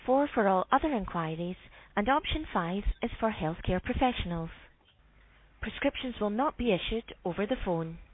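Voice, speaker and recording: A woman reading a recorded phone menu message in a measured, formal way. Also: mid-range voice, animated. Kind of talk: scripted automated announcement. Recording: tinny phone line with faint hiss.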